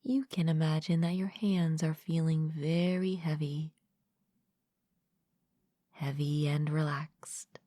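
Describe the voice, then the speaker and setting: A mindfulness coach, a woman, guides a meditation with soothing scripted narration, her low-pitched voice soft, breathy and partly whispered, close to the mic. She speaks gently and calmly, unhurried and with long pauses, in a dry recording.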